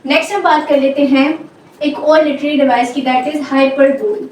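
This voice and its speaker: A woman teacher, explaining grammar step by step and dictating example sentences slowly word by word. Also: sits high. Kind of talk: grammar lecture. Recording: echoey room, voice from far off, faint background hum.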